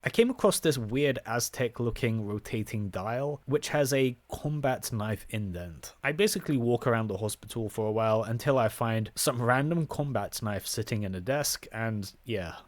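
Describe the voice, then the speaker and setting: A man narrates his playthrough of a horror game with dry sarcasm and exasperation. His pitch swings widely as he reacts. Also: expressive, normal speed, few pauses. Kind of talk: gameplay commentary.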